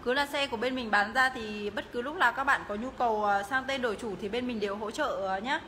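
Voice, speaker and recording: A woman giving a live, promotional sales pitch as she walks through shop rooms, repeatedly urging viewers to get in touch. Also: quick pace, pushed and bright. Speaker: motorbike shop livestream seller. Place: tiled indoor motorbike showroom rooms and stairwell. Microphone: handheld phone, held by the walking speaker. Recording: noisy phone audio in echoing hard-walled rooms.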